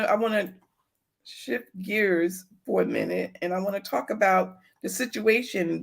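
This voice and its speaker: A woman's voice: medium pitch, vocal fry, a bit bright. A middle-aged woman hosting a podcast in casual chat, often repeating short affirmations and thanking viewers by name. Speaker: podcast host.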